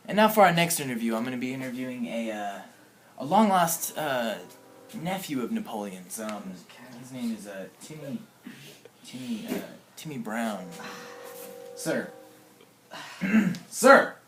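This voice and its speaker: A man's voice: medium pitch, lively intonation, moderate pace. Man, mock interviewer, hesitant, lots of fillers, distant mic, roomy echo. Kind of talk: school-project mock interview. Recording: echoey room, far from mic, background noise.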